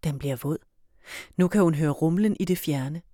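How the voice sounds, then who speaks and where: Calm woman reading a children's story. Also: low-pitched, no echo, studio quality. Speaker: narrator. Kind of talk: storybook narration.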